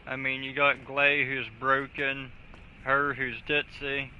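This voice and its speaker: Speaking slowly in a monotone mid-range voice, a man chats casually with a friend as they stream a video game, joking and swearing a lot in a laid-back way. Expect slightly dull audio, game music and a faint hiss or hum.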